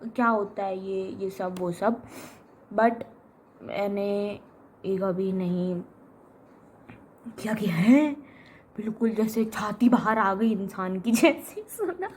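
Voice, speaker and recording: A woman's voice: medium pitch, steady tone, slow, long pauses, darkish tone, a little hiss or hum. A young woman chatting casually and rambling, full of fillers and self-corrections. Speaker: arts student vlogger. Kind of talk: casual chat.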